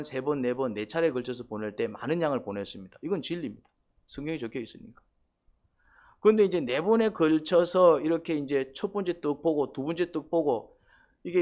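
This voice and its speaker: Male pastor, sermon, lively pitch, question-and-answer style. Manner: conversational, asks the congregation questions and answers them himself; acts out quoted voices, sometimes shouting.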